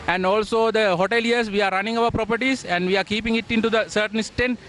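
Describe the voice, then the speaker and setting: A man's voice: high voice, steady tone, fast, fairly bright tone, slight background noise. A man, a hotelier speaking earnestly on a street with frequent hesitations. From Sri Lanka. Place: city street outdoors.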